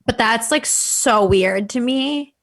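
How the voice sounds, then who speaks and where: A young woman guest chatting casually on a podcast, quick with joking asides. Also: fairly high pitch. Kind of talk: casual chat.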